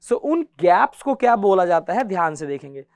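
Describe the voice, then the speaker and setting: A man's voice: sits high, very animated, moderate pace, darkish tone, no room sound. A man teaching a guitar class, patiently counting beats aloud and mixing English terms into his explanations. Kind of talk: classroom music lesson.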